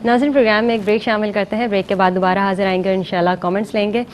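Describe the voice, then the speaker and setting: A woman's voice: mid-range voice, steady tone, a little hiss or hum. A woman hosting a religious TV program, speaking politely with formal, pious phrasing. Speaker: host. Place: TV studio.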